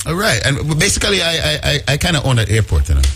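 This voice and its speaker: A man's voice: fairly high pitch, fast, faint music behind. A man hosting a radio show, chatting casually with playful jokes. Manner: playful, joking, animated. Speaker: radio host.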